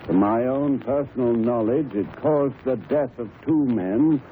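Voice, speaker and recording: A man's voice: medium pitch, unhurried, close to an everyday voice. A tinny 1930s radio drama recording with faint noise. A man plays a genial old English doctor, an avuncular storyteller who chats and savors his reminiscences. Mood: ominous reminiscence. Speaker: storyteller narrator.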